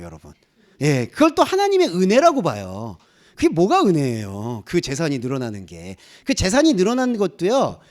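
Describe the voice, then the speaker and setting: A man preaching a sermon as a pastor, asking the congregation rhetorical questions. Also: high-pitched. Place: church.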